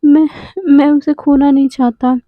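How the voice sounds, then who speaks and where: A woman's voice: high-pitched, level tone, measured pace, no echo, phone-quality sound. A woman voicing a tearful, clingy young man who keeps pleading and repeating his words.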